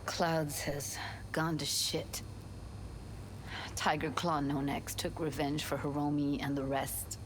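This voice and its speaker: Game role: guarded, tender young woman, weary, lower-pitched, with noticeable ambience behind. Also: little pitch movement, takes it slowly, background noise. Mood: downcast, guarded. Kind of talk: video game drama acting.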